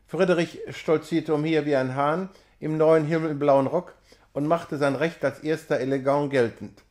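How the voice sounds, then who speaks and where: Man reading a classic novella. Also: on the high side. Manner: measured, expressive literary reading. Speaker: reader.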